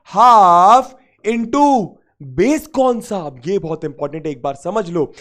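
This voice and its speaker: A young man teaching maths in a live online class, lively and repetitive, coaxing students with playful asides, his throat slightly sore. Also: sits high, takes it slowly.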